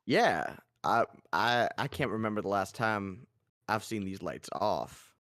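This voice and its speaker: A man's voice: lowish voice, animated, a little slow, a bit bright, dry recording, clean studio sound. A man talking as a player in a tabletop role-playing game, casual and a little hesitant.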